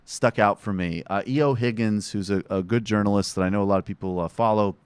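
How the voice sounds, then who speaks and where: A man with a lowish voice talks through political commentary as a podcast host, casual and wry, with the odd restart. The sound is close and dry, with no room around it. He grew up in western Massachusetts. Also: brisk, clean tone, no room sound. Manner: conversational, wry asides, frequent restarts.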